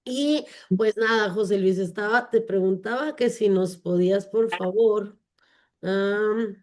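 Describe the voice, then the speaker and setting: A woman's voice: mid-range voice, slow, darkish tone. A woman hosting a speech therapy forum, talking casually and searching for words. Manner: rambling, hesitant, searches for words. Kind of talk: casual panel chat.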